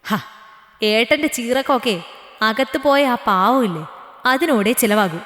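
A woman voicing a defiant, sharp-tongued young woman who speaks with mocking scorn. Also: a little high, unhurried, echoey room, long reverb tail. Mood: scornful.

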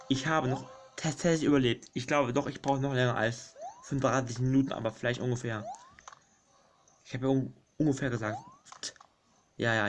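A young man giving casual commentary over a platform game, fretting aloud, pleading, and yelling at enemies. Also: medium pitch. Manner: excitable, frets and shouts at enemies. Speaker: gaming YouTuber. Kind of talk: casual let's play commentary. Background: game music.

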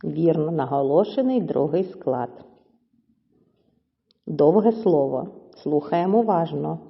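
A woman teacher giving a slow, clear lesson to children, stretching words out syllable by syllable. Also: sits low, expressive. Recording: dull audio with long reverb.

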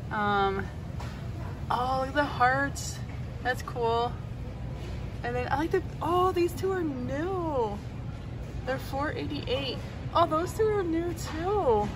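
A woman vlogging as she walks a large store, chattily listing prices and getting excited over new finds. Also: on the high side, noisy background. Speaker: shopping vlogger. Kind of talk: casual shop-with-me narration. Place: large retail store, indoors.

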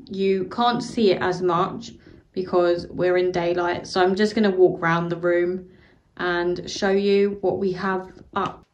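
Walking through her small house indoors, a British home tour vlogger from the UK narrates a casual walkthrough, her handheld phone camera catching her medium-pitched voice from a distance in a roomy space. She's young and chatty, tossing in apologetic asides and plenty of "so" and "um."

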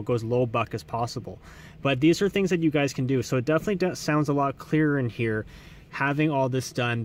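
A man's voice: medium pitch, a little hiss or hum. A man hosting a car audio channel, explaining his work step by step while he works on a car in a garage. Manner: explanatory, hands-on, addresses viewers directly. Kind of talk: casual how-to explanation.

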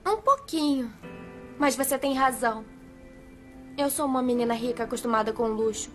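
A woman's voice: high voice, normal speed, faint music behind, close to an everyday voice. An actress with a Brazilian accent playing an earnest, admiring rich young woman in a dubbed soap opera. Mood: apologetic.

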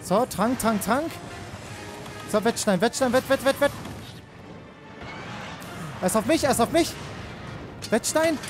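A young man giving excitable live commentary on a game he is playing, rapidly repeating words and mixing in English slang. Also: very high voice. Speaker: let's player. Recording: game music behind.

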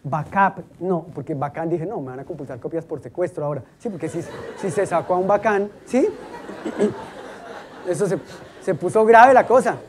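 A man's voice: high-pitched, normal speed, a little hiss or hum. A middle-aged man, a law school dean, giving a lecture full of anecdotes and acting out the voices of the people in his stories. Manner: lively storyteller who acts out the voices in his anecdotes.

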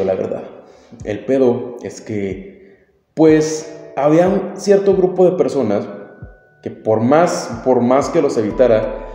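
On his podcast, a host with a Mexican accent tells a story in a relaxed, slangy style and swears freely. His voice is medium-pitched and mellow, and the recording has a very echoey room with long reverb and faint music.

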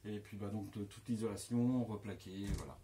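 Heavy background noise surrounds this lapel-mic recording of a man in his forties with a French accent. Speaking at normal speed in a lowish voice, he casually walks through a camper van rebuild in a large indoor workshop, with many hesitations and restarts.

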